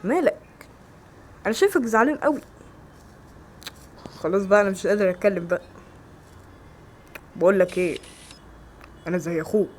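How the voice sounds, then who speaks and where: A man with an Egyptian Arabic accent acting several everyday roles in a homemade skit, with quick, exclamatory lines. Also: high-pitched, slight background noise, natural voice. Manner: quick, loud, exclamatory dialogue. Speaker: amateur actor.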